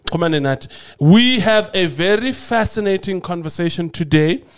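A man hosts a casual podcast. His voice is nasal and sits a little high for a man. He talks in a playful, rambling way and often restarts his sentences. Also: animated, moderate pace. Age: 30s. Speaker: podcast host.

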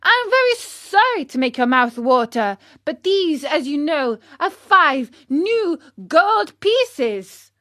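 Woman voicing an eager, high-pitched little puppet boy. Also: big pitch swings, slow, hardly any pauses, sharp tone, no room sound, studio quality, exaggerated voice. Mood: proud, indignant. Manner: eager, emphatic, exclamatory. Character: Pinocchio, naive, excitable young boy marionette, earnest and loving.

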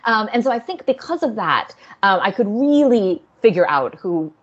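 A woman's voice: medium pitch, big pitch swings, normal speed, husky. Give me a thoughtful woman novelist from Singapore on a dull, lo-fi remote call. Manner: thoughtful, laughs often, many fillers. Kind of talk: conversational interview.

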